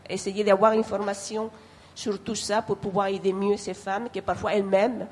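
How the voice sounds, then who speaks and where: In spontaneous remarks at a public discussion, a woman speaks at a moderate pace in a mid-range, darkish, breathy voice with little pitch movement. She has a foreign accent, not a native French speaker, and sounds earnest and hesitant, repeating phrases as she searches for words.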